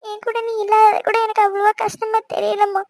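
A woman's voice: extremely high pitch, fast talker, fairly bright tone, no echo. A woman voicing a young bride and elder sister, bossy with her brother and tender toward her father. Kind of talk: cartoon voice acting.

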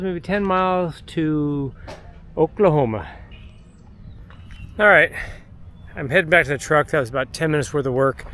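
A middle-aged man casually narrates his metal detecting in outdoor parks, thinking aloud with plenty of fillers. His voice is on the high side with a fairly bright tone. He records on a held or chest-mounted action camera, with slight background noise.

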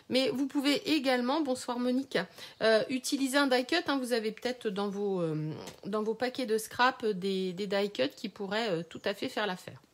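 A woman runs a live crafting tutorial, chatting to viewers with many hesitations and little laughs, recorded on a phone. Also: a little high. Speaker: craft demonstrator.

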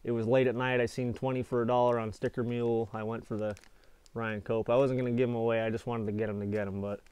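Casting: American male, 20s, laid-back video reviewer with folksy grammar, clear smooth voice in a dry space, speaking around a lip full of dip. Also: mid-range voice, flat delivery, fast, darkish tone, dry recording. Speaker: product reviewer, video channel host. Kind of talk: casual chat to camera. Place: small indoor space with foil-insulated walls.

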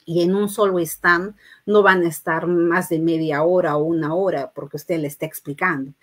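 A middle-aged woman with a Peruvian Spanish accent, teaching an English class patiently and reading English phrases slowly for learners to repeat. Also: fairly low pitch, fairly even intonation. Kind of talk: online class lecture.

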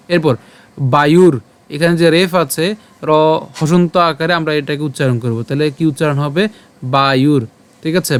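Clear-voiced man teaching careful verse pronunciation. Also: on the high side. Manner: slow, careful syllable-by-syllable drilling, chanting verses. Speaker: Sanskrit recitation teacher. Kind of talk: online pronunciation lesson.

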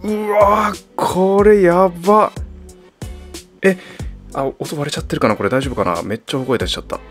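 A man hosting a casual unboxing video, his pitch leaping around as excitement takes over. He laughs and exclaims often between calmer explanations. Soft music plays quietly in the background. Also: racing. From Japan. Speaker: vlogger unboxing toys.

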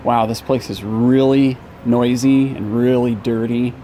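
A man's voice: mid-range voice, fairly even intonation, measured pace, warm tone. Wry man vlogging on noisy streets. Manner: wry, joking asides. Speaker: travel vlogger. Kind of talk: casual travel vlog narration. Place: busy city streets and a large train station. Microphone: handheld camera at arm's length. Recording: street and station noise behind.

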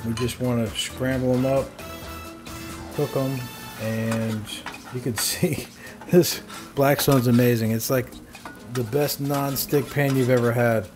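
A relaxed man talks through his cooking step by step in a casual, friendly demo voice. His pitch sits in the middle. He is recorded outdoors on a phone camera, with music running clearly beneath him. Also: slow pace. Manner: easygoing, talks viewers through each step. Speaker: cooking channel host. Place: outdoors at a griddle on a patio.

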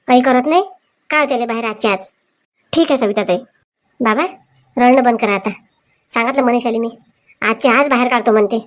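A woman acting in a comic village sketch, talking briskly and scolding. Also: on the high side.

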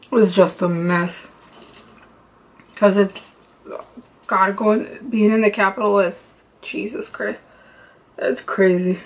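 A young woman rambles cheerfully while doing her makeup at home, recorded on a close camera mic. She talks in loose, chatty runs, stacking "like" and "um" as she goes. Her voice sits at a middle pitch for a woman. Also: low-quality recording. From Los Angeles, United States. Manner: chatty, rambling, many "like" and "um" fillers. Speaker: beauty vlogger. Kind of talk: casual makeup tutorial chat. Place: home bedroom with lamps and makeup shelves.

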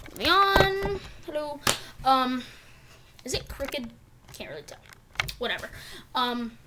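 A young woman chatting casually in a home vlog, rambling with lots of fillers, recorded on a camera mic. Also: fairly high pitch. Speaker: vlogger.

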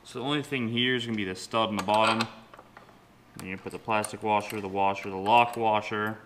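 Recorded in a home garage and partly inside a vehicle, this car-mod vlogger in his twenties walks viewers through a hands-on tutorial in a folksy, informal way. His fairly low voice is fairly even and fairly quick, over background noise.

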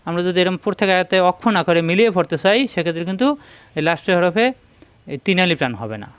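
High-voiced man teaching Quran recitation. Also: fairly bright tone, clear, resonant tone, no echo. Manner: spells letters quickly, then recites verses slowly and melodiously. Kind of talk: Quran tajweed lesson with spelling and recitation.

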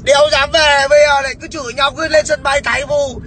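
A man's voice: very high voice, fairly even intonation, fast talker, a bit bright. A man livestreaming a heated phone call, mocking and swearing at the caller in a sarcastic, taunting way.

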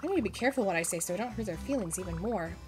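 A young woman streams a game casually over music, chatting and reading its dialogue aloud, voicing the hero's lines playfully. Her mid-range voice races along with lively intonation, though she's losing it to illness.

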